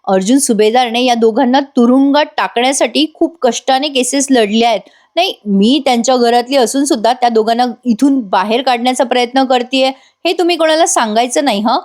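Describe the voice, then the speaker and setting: A woman's voice: a little high, brisk, few pauses, a little mellow, natural voice. A woman voicing a scheming young woman who bribes a lawyer, in a coaxing, conspiratorial manner.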